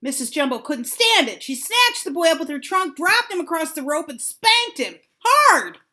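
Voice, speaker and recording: Older woman, grandmother, storybook reading, bright voice, higher pitch, deliberate dramatic phrasing. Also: big pitch swings. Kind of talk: expressive children's storybook reading.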